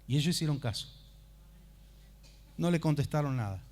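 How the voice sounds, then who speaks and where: A male pastor preaching a sermon at a church service, telling the story dramatically and swinging from hushed to loud. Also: fairly high pitch, expressive, normal speed.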